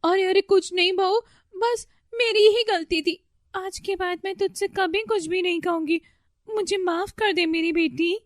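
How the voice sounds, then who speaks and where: Woman voicing a shrill panicky mother-in-law. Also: steady tone, a little slow, dry recording, studio quality. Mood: fretful. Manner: shrill, wailing and pleading. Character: older mother-in-law, fretful and easily panicked.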